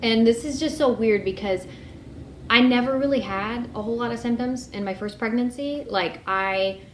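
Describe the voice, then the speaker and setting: A woman's voice: on the high side, moderate pace, a little hiss or hum. Chatty young woman in an echoey room. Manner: chatty, frequent ums and likes, light laughs. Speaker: vlogger. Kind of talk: casual pregnancy update vlog.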